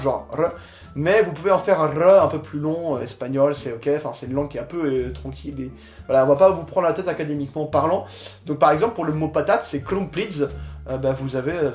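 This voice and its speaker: A young man talks through a casual explainer in a relaxed, slangy way, pausing often on fillers. His voice sits a little high. The room is echoey, with faint music playing underneath. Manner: laid-back, slangy, many filler pauses. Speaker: host of a micronation channel.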